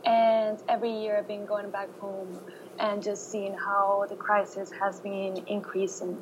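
A woman's voice: mid-range voice, level tone, measured pace, muffled recording, a little hiss or hum. A woman, earnestly answering interview questions. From Venezuela. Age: 20s. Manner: earnest, unscripted account.

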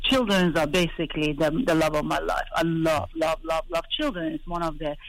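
A woman's voice: low voice, expressive, a little fast, gravelly, faint music behind. A middle-aged woman calling in over a phone line, hesitant and searching for her words. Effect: heard over a phone line. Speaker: caller. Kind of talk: call-in question.

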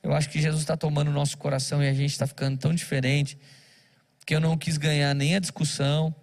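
A man's voice: on the high side, level tone, fast talker. A man, a pastor, preaching a sermon, telling stories and acting out the dialogue. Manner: storytelling with acted-out dialogue.

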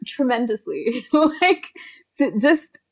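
A woman's voice: a little high, very animated, slow, gravelly, darkish tone. A young woman from Sudan co-hosting a podcast, casual and hesitant, with fillers and swearing. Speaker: podcast co-host.

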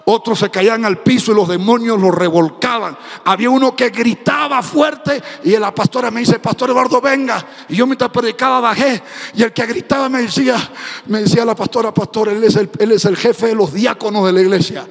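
A man preaching a fiery sermon as a pastor, shouting and half-singing his phrases. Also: high-pitched, brisk, creaky, big-room sound. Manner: speaking in tongues.

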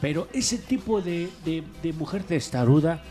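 A man's voice: a little high, animated, normal speed, warm tone, faint music behind. A man with a Mexican accent co-hosting a podcast in casual chat, joking and slangy. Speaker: podcast co-host.

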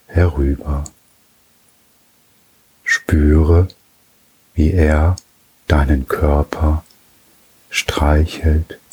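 A man guiding a relaxation journey in a soft, soothing way, with long pauses between phrases. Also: extremely low pitch, husky, low-quality recording. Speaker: meditation guide.

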